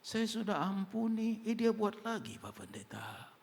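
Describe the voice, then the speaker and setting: A man's voice: sits high, sing-song, unhurried, gravelly, big-room sound, pitched above the performer's own voice, exaggerated voice. A man acting out a hurt wife who complains to her pastor that her husband keeps wronging her. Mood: aggrieved.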